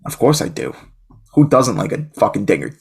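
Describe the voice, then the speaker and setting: A man co-hosting a podcast in casual chat, talking excitably and rambling with frequent restarts. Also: lowish voice, brisk, gravelly, slightly rough. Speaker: podcast co-host.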